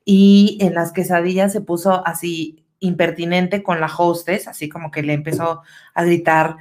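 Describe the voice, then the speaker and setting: A woman's voice: on the low side, little pitch movement, moderate pace, darkish tone. A woman with a Mexican accent telling a personal story on a casual podcast, swearing freely and laughing often. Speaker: podcast co-host.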